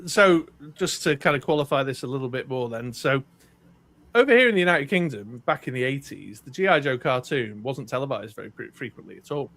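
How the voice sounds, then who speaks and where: A man's voice: mid-range voice, expressive, a little fast, a bit bright, no echo. A middle-aged man from North Wales with a British accent, chatting casually on a podcast, rambling with many ums and restarts. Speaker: podcast co-host. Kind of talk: casual chat.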